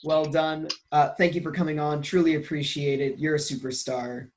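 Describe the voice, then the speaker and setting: A man's voice: fairly high pitch, flat delivery, moderate pace, a little mellow. A man hosting a casual interview and quiz show, playful and teasing in an upbeat way. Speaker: podcast host running a quiz.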